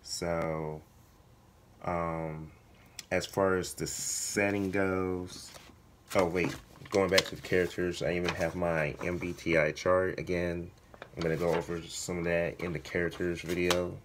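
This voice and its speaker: A man with a hoarse voice that is giving out, talking casually to viewers as a vlogger, halting and correcting himself as he thinks aloud. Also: deep voice, little pitch movement, noisy background. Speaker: video blogger, writer. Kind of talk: casual vlog talk to viewers.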